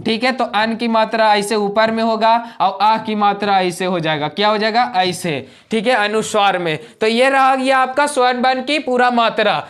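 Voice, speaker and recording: Male grammar teacher, classroom style, repeats and quizzes, drawn-out vowel demos. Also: sits high, fairly bright tone, smooth. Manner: draws out vowel sounds in demonstration.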